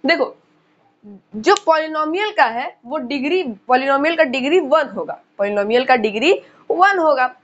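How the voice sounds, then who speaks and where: A woman's voice: sits high, expressive. A woman teaching school math in a casual lecture, who repeats key terms and quizzes her listeners. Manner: slows down while writing on the board. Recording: dull lo-fi recording.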